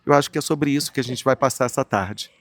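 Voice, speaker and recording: A Brazilian man speaking as a guest psychologist on a podcast, talking in a warm, rambling way with frequent tag questions. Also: mid-range voice, quick pace, no room sound. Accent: Brazilian Portuguese. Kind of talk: casual podcast conversation.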